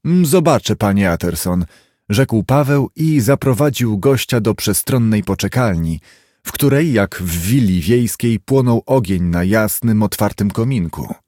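A man reads a classic novel aloud in a steady, measured way. His voice sits on the low side. The recording is dry and close. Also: no room sound. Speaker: audiobook narrator. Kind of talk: scripted narration.

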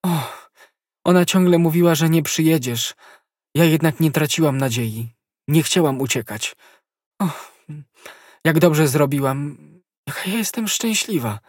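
A man's voice: on the high side, expressive, a little slow, pauses often, darkish tone, no echo, clean studio sound, voice pushed up. A man voicing a loving, frightened young woman who is dying of poison, with a breathless, pleading delivery. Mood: joyful.

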